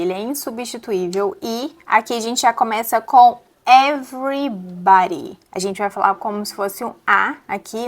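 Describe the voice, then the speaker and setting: A young adult woman with a Brazilian Portuguese accent, teaching English pronunciation step by step and repeating words slowly to model them. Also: a little high. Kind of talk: pronunciation lesson.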